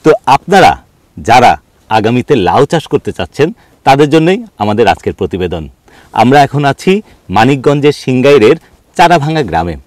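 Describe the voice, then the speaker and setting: Lively male farm-show host outdoors. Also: mid-range voice, no echo, studio quality. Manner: animated presenter, asks short questions. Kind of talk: field report interview. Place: outdoors under a gourd trellis in a village field.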